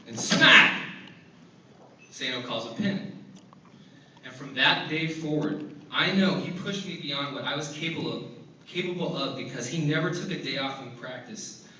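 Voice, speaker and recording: A man's voice: medium pitch, moderate pace, pushed and bright, a little hiss or hum. A man, a former teammate, telling funny stories in a hall of fame speech and chuckling often as he goes. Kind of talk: humorous speech with anecdotes. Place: large hall at an induction event. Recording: echoey hall, voice from far off.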